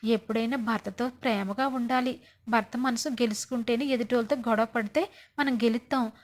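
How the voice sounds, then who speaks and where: Woman with a highish voice retelling a show episode, lively, does the characters. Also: moderate pace. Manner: lively, acts out characters' lines. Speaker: storyteller recapping a TV serial. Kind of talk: casual retelling of a serial episode.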